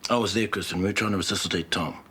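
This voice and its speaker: An actor in a television soap playing a doctor who is firm and reassuring toward colleagues. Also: male voice, deep voice, steady tone, bright, forceful tone, slight background noise. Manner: brisk, reassuring.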